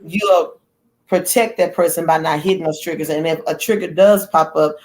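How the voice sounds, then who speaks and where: A woman in a casual chat as a guest, outspoken and animated, often restarting her sentences. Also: deep voice, moderate pace, slight background noise.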